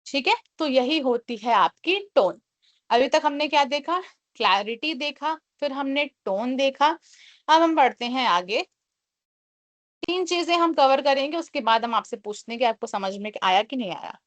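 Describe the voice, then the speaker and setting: A woman teaching an online communication class, explaining in Hindi and reading English definitions slowly, often asking rhetorical questions. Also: sits high, animated.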